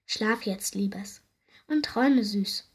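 A woman reading aloud, voicing a gentle, loving mother at bedtime who speaks softly and soothingly, with a breathy voice. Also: mid-range voice, takes it slowly. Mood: tender. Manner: soft, soothing, hushed. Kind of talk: storybook reading.

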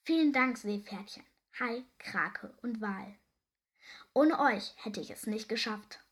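A woman voicing a kindly male deep-sea doctor fish in a children's story, gentle and soothing. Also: slow. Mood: grateful. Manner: gentle, soothing, cries out when in danger.

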